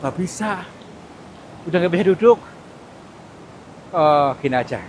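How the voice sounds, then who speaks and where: Nervous high-voiced man, noisy outdoors. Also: animated, unhurried. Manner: nervous, pleading, repeats words many times. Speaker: mystic vlogger. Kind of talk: hushed ghost-hunting commentary. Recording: loud rumbling background noise.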